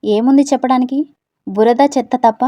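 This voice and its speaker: A woman's voice: a little high, steady tone, fairly quick, warm tone, no room sound, natural voice. A woman voicing Tara, a stubborn young woman who protests sharply and is irritated with the man pursuing her. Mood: protesting.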